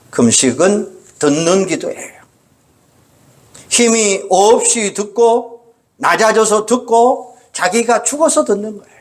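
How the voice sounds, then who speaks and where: A male pastor delivering a sermon in an earnest, measured way, often quoting scripture. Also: fairly high pitch. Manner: earnest, measured preaching with frequent scripture quotes.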